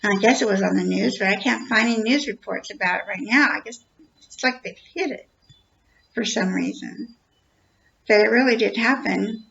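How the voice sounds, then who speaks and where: Woman recounting what happened to her, earnest, repeats herself, acts out the back and forth, gravelly voice, dull lo-fi sound. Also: mid-range voice, moderate pace, a bit bright. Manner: earnest, repetitive, acts out dialogue. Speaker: storyteller. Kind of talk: personal account told to camera. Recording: dull lo-fi recording.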